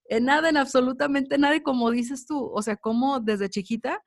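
Una mujer entrevistando a una amiga con trato cercano y afirmativo, llamándola "amiga" y animándola. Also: female voice, high voice, fairly even intonation, normal speed. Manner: friendly and affirming, calls the guest "amiga". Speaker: interviewer. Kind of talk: casual interview chat.

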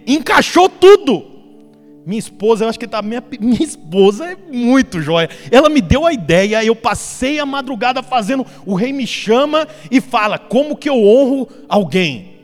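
A man's voice: very high-pitched, full character voice. A man acting out a scheming, proud royal adviser who gloats over himself. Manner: gloating, self-satisfied. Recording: long reverb, soft music behind.

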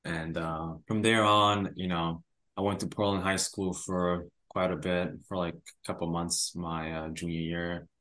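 A man's voice: low voice, flat delivery, a little slow, fairly bright tone. A young man from Rwanda, a university student, answering interview questions casually with many hesitant fillers. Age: young adult.

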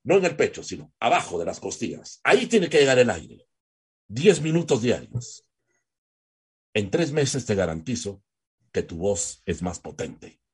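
A man teaching a lecture on voice technique, animated and demonstrative, drawing out vowels as examples. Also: fairly low pitch, breathy edge. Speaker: voice coach.

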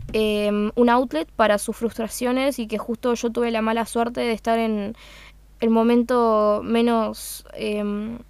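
A young woman with a Uruguayan Spanish accent speaks in a slightly high, smooth voice, captured in a dry recording. She runs a meme page and muses casually, hesitating and searching for words with many fillers.

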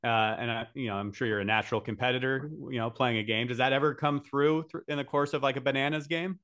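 A man's voice: medium pitch, fairly even intonation, fast, fairly bright tone. A man co-hosting a podcast, asking easygoing questions padded with fillers. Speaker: podcast co-host. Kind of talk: casual interview chat.

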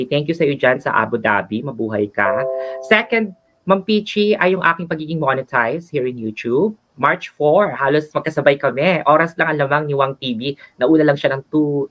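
A man's voice: a little high, a bit bright. A man co-hosting a casual show, chatting in a flamboyant, giggly way. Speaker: co-host and nurse. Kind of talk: casual Taglish show chat. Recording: dull lo-fi sound.

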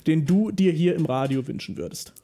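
A man hosting a radio show in the studio, joking playfully and stammering when he gets excited. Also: fairly high pitch, fairly quick. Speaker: radio host. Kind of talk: casual radio chat.

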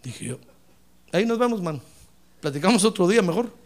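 A man preaching a lively sermon as a pastor, acting out church members in comic voices. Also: sits high, brisk.

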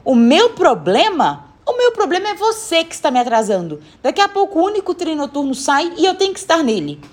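A woman voicing a stubborn, defiant eight-year-old boy in a read-aloud story, her voice husky and raised well above her own. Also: sits high, animated, fast talker, pitched above the performer's own voice.

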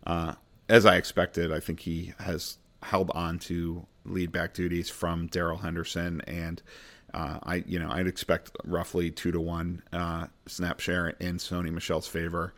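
A man's voice: low-pitched, monotone, a little slow, a bit bright. A man co-hosting a fantasy football podcast in casual chat, rambling and laughing at his own jokes.

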